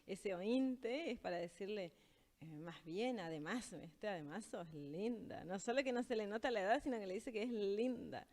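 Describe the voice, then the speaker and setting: Woman, language teacher, casual lesson, patient explanations, medium pitch. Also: darkish tone. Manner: explains patiently, slows down to read example phrases.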